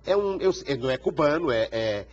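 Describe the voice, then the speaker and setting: A man's voice: medium pitch, animated, fairly quick. A man hosting a TV interview show, introducing and questioning his guest; he rambles and stumbles over repeated words. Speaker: TV talk show host. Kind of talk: TV interview conversation. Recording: dull TV broadcast sound with faint hiss.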